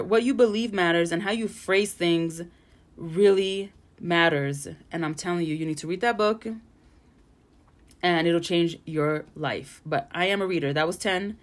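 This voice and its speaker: Woman podcast host, young adult, lowish voice, loose and profane, rambling solo chat recorded at home. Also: a little slow, pauses often. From Puerto Rican family. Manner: chatty, frank, swears freely. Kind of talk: casual solo podcast monologue. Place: bedroom vanity at home.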